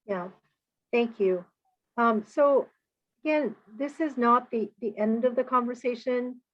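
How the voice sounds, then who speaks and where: A woman moderating a board meeting, speaking in a measured way with frequent pauses, heard through conference call audio. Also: a little high. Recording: dull lo-fi conference call line.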